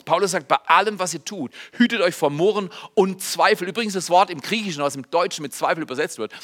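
A pastor preaching a sermon to his congregation, animated and speaking to them directly, with loud emphatic bursts and quiet asides. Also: sits high. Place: church service.

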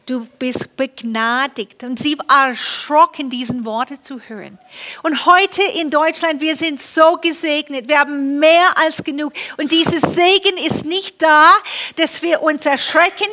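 High bright-voiced woman preaching. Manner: lively storytelling preacher with humor. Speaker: pastor. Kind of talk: sermon. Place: church.

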